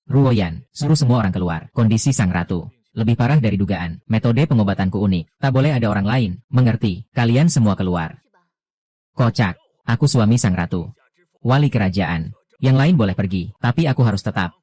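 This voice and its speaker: Low, mellow-voiced man narrating recap. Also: expressive, fairly quick. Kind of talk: casual anime recap narration.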